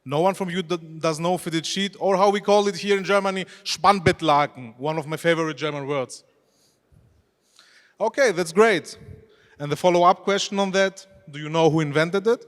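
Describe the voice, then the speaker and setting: In a high, fairly bright voice at normal speed, a man whose native tongue is Greek gives a conversational conference presentation on an expo hall stage. As head of e-commerce, he puts questions to the crowd in loosely phrased English, with a large hall's long reverb behind him.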